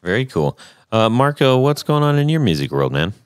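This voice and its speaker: A man hosting a podcast, interviewing a guest in relaxed chat, joking and laughing often. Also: medium pitch, a little fast, clean tone, dry recording, clean studio sound. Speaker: podcast host.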